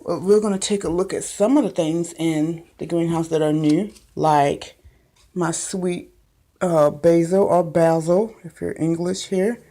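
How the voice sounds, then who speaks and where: Filming on a handheld phone, a woman shows off her small makeshift greenhouse indoors in a chatty, meandering home video full of ums. She's a gardening vlogger whose lowish, mellow voice stays steady and unhurried.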